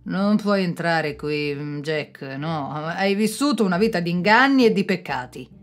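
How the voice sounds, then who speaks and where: A woman's voice: fairly low pitch, lively intonation, unhurried, soft background music. A woman voicing a stern, reproachful old male saint at heaven's gate in a storybook tale.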